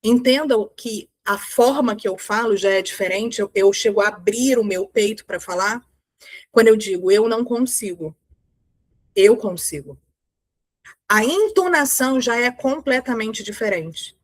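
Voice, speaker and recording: A woman's voice: a little high, normal speed, dry recording. A woman with a Brazilian Portuguese accent giving an earnest, emphatic motivational talk as a mindset coach, in short repeated phrases. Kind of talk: motivational talk to women entrepreneurs.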